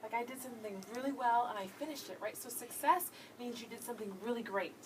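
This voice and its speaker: A woman with a fairly high voice explains things simply to a class of young children. She keeps checking that they follow with short questions. The recording is distant, with plenty of room noise around her. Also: fast talker. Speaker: early grade teacher explaining to class. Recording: distant mic in noisy classroom.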